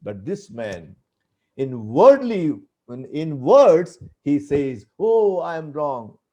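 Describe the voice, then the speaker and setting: A man preaching a sermon at a church youth meeting, swinging from loud exclaiming to low, hushed appeals. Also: big pitch swings, takes it slowly, muffled recording. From India. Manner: acts out biblical voices in quotes.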